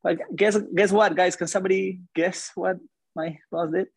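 A man tells a story to a room of listeners, animated and chatty, often asking them questions. His voice sits a bit high for a man and sounds dry and close, with little room sound. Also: moderate pace, gravelly, husky, no echo. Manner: animated, conversational, asks the audience questions. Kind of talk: live storytelling to an audience.

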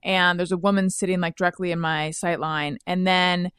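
A woman's voice: on the low side, normal speed, smooth, no echo, clean studio sound. A woman hosting a casual comedy chat, telling stories with lots of acted-out quotes and laughter. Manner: animated storyteller, acts out quotes, laughs often. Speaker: podcast host.

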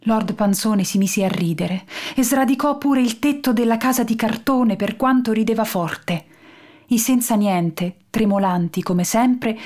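A woman narrates a children's tale with a lively, rhyming lilt, her voice pitched a little high. She reads it aloud as a storyteller for young listeners.

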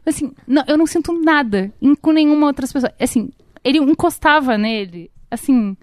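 A Brazilian woman in her thirties with a slightly high voice tells a long personal story. She talks casually and rambles through fillers and restarts. The sound is dry and close, with no room around it. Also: lively intonation, brisk, a little mellow, no room sound. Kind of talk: casual chat.

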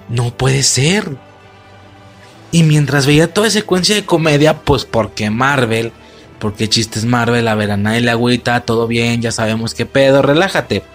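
Excitable Mexican man, slangy and profane. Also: medium pitch, normal speed, faint music behind. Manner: animated, profane, reenacts his own shocked reactions. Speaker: vlogger. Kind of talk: excited casual storytelling.

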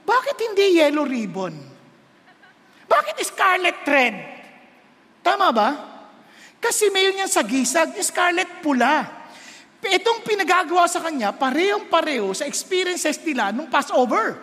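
A pastor delivers a sermon, animated and emphatic, sometimes breaking into shouts and slowing down for scripture. His voice sits very high and sounds bright and forceful. A long reverb trails each phrase, as in a large hall. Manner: animated, rising to shouts, slows when reading scripture.

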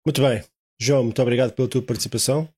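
A man's voice: mid-range voice, fairly even intonation, rapid-fire, background noise. A man hosting a live talk show, chatty, with many restarts. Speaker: host.

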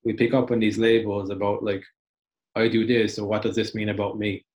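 Low-voiced man, reflective. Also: level tone, brisk, darkish tone. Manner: reflective, loose, many restarts and "like". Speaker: podcast guest. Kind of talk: casual conversational interview.

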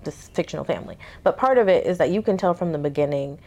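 Low gravelly woman therapist, measured. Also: mellow. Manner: reflective, slow and measured, drops into playful scolding. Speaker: therapist, co-host. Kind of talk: casual reaction chat.

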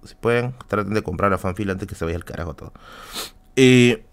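A man's voice: fairly low pitch, animated, moderate pace, vocal fry. A man with a Peruvian accent telling a personal anecdote on a live stream, casual and slangy, with many fillers and asides to the audience. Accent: Peruvian Spanish.

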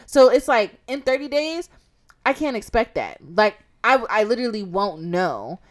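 A woman's voice: on the high side, animated, normal speed. A woman co-hosting a casual relationship chat, frank and blunt, with casual swearing. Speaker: podcast co-host.

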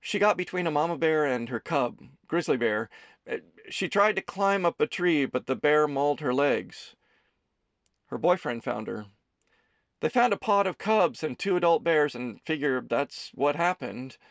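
A man voicing a gentle, shy young man who talks haltingly. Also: on the high side, expressive, gravelly, dry recording, clean studio sound, voice pushed up, heavily acted. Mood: sober. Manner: hesitant, halting.

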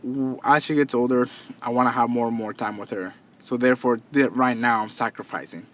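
This thirty-year-old podcaster and entrepreneur talks fairly quickly in a steady, medium-pitched voice that's a bit bright. His motivational monologue is casual and earnest, peppered with repetitions and fresh starts.

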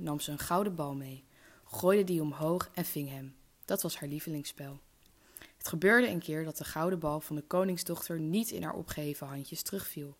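Casting: low-voiced woman, measured fairy-tale storyteller. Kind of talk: reading a fairy tale aloud.

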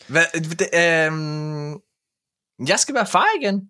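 A man's voice: on the high side, sharp tone. A young man co-hosting a casual podcast chat, teasing with crude humor. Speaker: podcast co-host.

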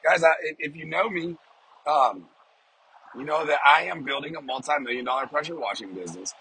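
A man with a smoker's voice giving an informal, off-the-cuff devotional, speaking haltingly and repeating phrases for emphasis inside a car. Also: fairly high pitch, sharp tone, low-quality recording. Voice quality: smoker's voice with occasional cough. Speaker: podcast host giving a devotional. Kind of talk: informal off-the-cuff sermon and prayer. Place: inside a parked small car.

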